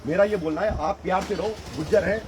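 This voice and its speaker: A man in a heated street confrontation, insistent and forceful, repeating his demands, filmed on a phone outdoors. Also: high voice, fast, noisy background. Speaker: local political activist. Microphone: phone camera, live video. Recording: loud crowd outdoors.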